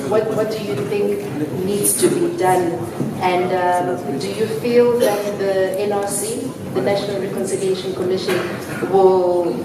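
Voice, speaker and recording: A woman moderating a panel debate, putting questions to the panelists. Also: mid-range voice. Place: hotel conference hall. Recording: echoey hall, loud crowd and noise, distant mic.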